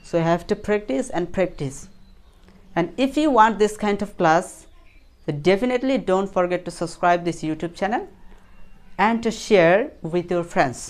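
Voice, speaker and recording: A woman's voice: on the low side, drawn-out words, a little mellow. A woman teaching English pronunciation in Bengali, repeating each example word several times and asking questions she answers herself. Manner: asks the class questions and answers them herself. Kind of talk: spoken English lesson in Bengali.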